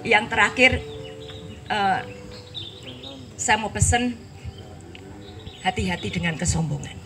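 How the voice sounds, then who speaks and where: A woman preaching a sermon, telling testimonies in a lively way and acting out the people in them. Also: mid-range voice, slow, over music. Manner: lively storytelling with acted quotes.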